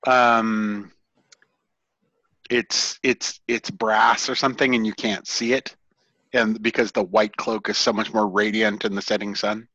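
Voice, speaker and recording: A man narrating a tabletop game as game master, slow and atmospheric, often dropping to near-whispers. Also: on the low side, little pitch movement, bright, forceful tone, no echo, highs cut off.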